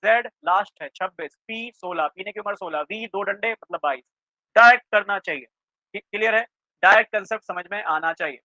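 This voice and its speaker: A man teaching a reasoning class for exam prep, quizzing students with quick questions and checking often that they follow. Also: high-pitched, bright, forceful tone, no room sound. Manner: keeps checking in with students, asking "clear?". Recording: dry, slightly dull lo-fi sound.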